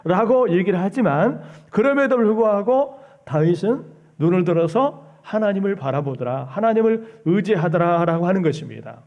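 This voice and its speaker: A male pastor delivers a Sunday sermon in a high but mellow voice. He pleads with the congregation and drives each point home with emphasis. Now and then he slips into the mocking tones of scoffers to make his point. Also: dull audio.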